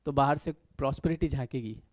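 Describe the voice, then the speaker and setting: A man's voice: mid-range voice, a little fast, a little mellow, dry recording. A man giving a conversational motivational spiritual talk, earnest, full of rhetorical questions and little acted-out quotes.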